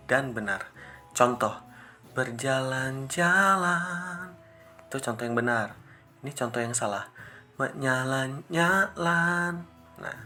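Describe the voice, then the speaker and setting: Bright-voiced male teacher explaining singing. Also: mid-range voice. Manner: explains step by step, sings short example phrases slowly. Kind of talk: classroom lesson for children.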